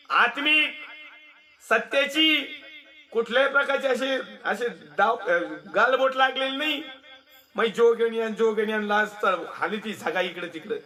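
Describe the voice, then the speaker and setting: A man's voice: very high voice, bright, forceful tone. A male pastor preaching a sermon in a mocking, scolding way, often laughing as he talks.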